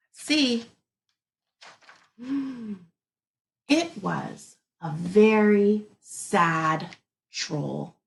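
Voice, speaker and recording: With a creaky, mid-range voice, a woman teacher reads a picture book aloud to young children, expressive and deliberate, stopping to muse as she goes. The audio is reverberant.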